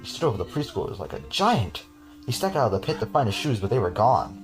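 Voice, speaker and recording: A man's voice: mid-range voice, very animated, fast, music in the background. A man hosting a podcast, reading a horror story aloud with casual, chuckling asides to his cohost.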